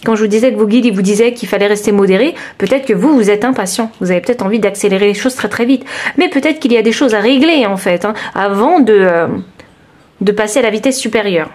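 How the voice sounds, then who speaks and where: A woman giving a chatty, expressive tarot reading, talking straight to her listeners and exclaiming over the cards. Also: mid-range voice, fast. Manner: addresses listeners directly. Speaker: tarot card reader. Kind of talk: informal tarot reading to camera.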